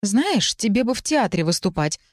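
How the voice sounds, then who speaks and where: A woman reading the lines of a calm, cold young woman student in an audiobook, in a composed and slightly mocking way. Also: medium pitch, normal speed, no echo, clean studio sound, voice pushed up. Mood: coolly mocking. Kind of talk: audiobook dialogue.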